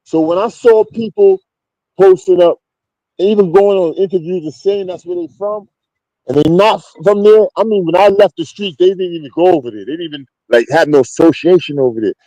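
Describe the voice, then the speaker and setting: A blunt, slangy man from Queens tells his street stories in a New York accent. His voice is dark and mellow, a little higher than most men's. The sound is close and dry. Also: fairly quick, dry recording, low-quality recording. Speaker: interview guest. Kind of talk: casual street storytelling.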